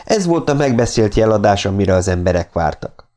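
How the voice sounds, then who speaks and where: Guy reading an audiobook, steady and measured, lowish voice. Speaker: audiobook narrator. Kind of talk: scripted narration.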